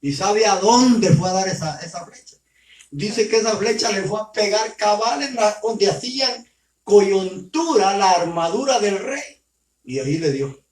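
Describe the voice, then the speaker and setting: A man preaching, retelling a scripture story in an animated way and speaking directly to his listeners as brothers. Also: sits high, measured pace. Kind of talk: sermon storytelling. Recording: roomy sound from far off.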